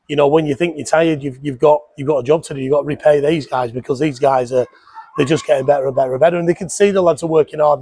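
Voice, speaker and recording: Fast-talking husky football manager. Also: male voice, fairly high pitch. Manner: animated, repeats words when fired up. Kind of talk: post-match interview. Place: stadium press box. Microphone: headset mic.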